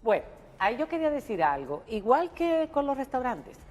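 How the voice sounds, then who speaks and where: A woman's voice: high-pitched, sing-song, moderate pace, a little mellow, in a large hall, soft background music. A woman with a Dominican accent giving opinionated news commentary as a talk show host, emphatic and insistent.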